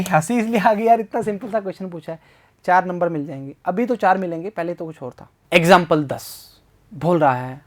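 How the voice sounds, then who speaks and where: A man tutoring physics in a casual exam-prep lesson. He solves problems aloud, reads out the questions with English terms mixed in, and keeps joking and talking to himself and his students. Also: high voice.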